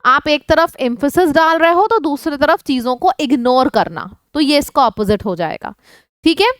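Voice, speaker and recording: A woman's voice: high voice, lively intonation, moderate pace, dry recording, studio quality. A woman teaching English vocabulary in Hindi for an online exam class. She speaks with an Indian accent, mixes Hindi and English, asks the class questions, and repeats lists of synonyms. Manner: switches between Hindi and English.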